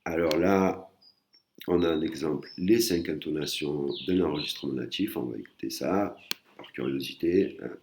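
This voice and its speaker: A man's voice: extremely low pitch, normal speed, darkish tone, slight background noise. A man teaching a language lesson, patient and explanatory, often repeating and rephrasing himself. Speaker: Thai teacher.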